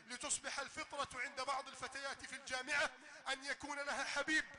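A man preaching a sermon, telling a story in a loud, declaiming voice that rises to shouts. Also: extremely high pitch.

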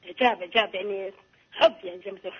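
A woman speaks over the phone, her husky voice muffled by the line. She talks quickly and hesitantly, repeating herself as she asks her question. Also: medium pitch. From Saudi Arabia. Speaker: caller.

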